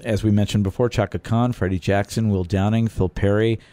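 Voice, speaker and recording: A man's voice: lowish voice, fairly even intonation, brisk, dark tone, dry recording. A man hosting a radio show, chatting casually with a guest in the studio, with easygoing delivery and frequent filler words. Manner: easygoing, lots of filler words, lists names. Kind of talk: casual radio interview chat. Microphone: studio microphone.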